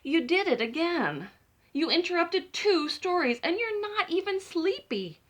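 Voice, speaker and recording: Storybook chicken dad, read by a woman: patient, weary, gently chiding, very varied pitch. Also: sing-song, a little slow, heavily acted.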